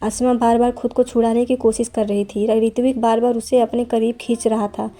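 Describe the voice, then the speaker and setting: A woman narrating a romance novel aloud in a steady, plain reading voice with small restarts. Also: a little high, moderate pace.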